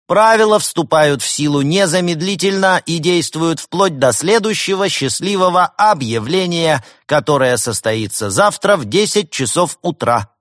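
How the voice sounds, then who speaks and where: A man voicing a loyal robot herald who reads out a grand imperial decree in a slow, pompous, booming voice. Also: expressive, fairly bright tone, no echo, clean studio sound. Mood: pompous, solemn. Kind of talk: audiobook reading.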